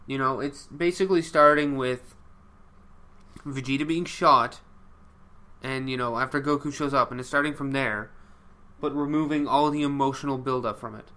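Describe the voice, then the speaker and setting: A man's voice: medium pitch, steady tone, normal speed, pushed and bright. A man co-hosting a podcast in casual chat, giving blunt opinions and short dry replies. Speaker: podcast co-host.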